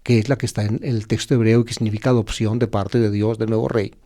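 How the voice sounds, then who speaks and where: A man, a priest, giving a teaching-style Sunday gospel reflection, explaining slowly with many pauses and restarts. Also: on the low side, flat delivery, mellow.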